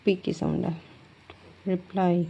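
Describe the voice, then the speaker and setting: A woman's voice: on the low side, little pitch movement, unhurried, gravelly, mellow, breathy edge, muffled recording. A woman teaching a shorthand lesson step by step, patiently asking her students questions and then answering them herself, drawing out words as she writes. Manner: drags out words while writing.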